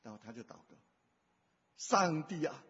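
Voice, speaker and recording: A man preaching as a pastor, retelling a story and acting out the dialogue, swinging between loud and hushed. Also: on the high side, lively intonation, moderate pace, slight background noise. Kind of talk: sermon with retold personal story. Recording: dull echoey hall recording.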